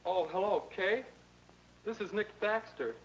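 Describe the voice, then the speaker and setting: A man's voice: sits high, measured pace, gravelly. A man acting an earnest, nervous young American in a 1950s educational film, with stiff, polite, hesitant delivery. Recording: noisy old film soundtrack.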